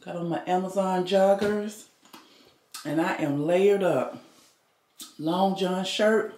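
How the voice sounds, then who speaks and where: A woman's voice: on the low side, slow pace, warm tone. A woman chatting casually to her viewers in a home vlog, calling them family and y'all. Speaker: vlogger. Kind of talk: casual vlog chat to camera. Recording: echoey room, faint background noise.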